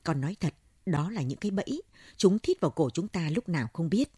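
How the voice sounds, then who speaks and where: A woman's voice: on the low side, expressive, fairly quick, husky, no echo, clean studio sound. A woman doing an urgent, insistent young soldier son. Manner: insistent, forceful.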